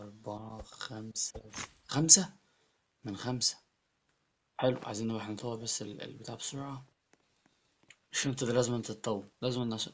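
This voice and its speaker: A man with an Egyptian Arabic accent giving excitable Let's Play commentary as a gaming YouTuber, often repeating his words. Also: fairly low pitch, husky.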